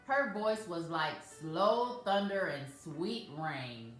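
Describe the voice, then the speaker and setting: A woman reading a picture book aloud to children as a storyteller, in a gentle, measured way. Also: lowish voice, animated. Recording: very echoey room, faint music.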